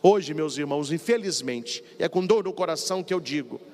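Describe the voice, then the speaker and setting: Animated Brazilian priest preaching in hall. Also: male voice, fairly high pitch, a little fast. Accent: Brazilian Portuguese. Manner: animated, acts out dialogues with funny voices. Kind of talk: lively sermon. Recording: long reverb of a large hall.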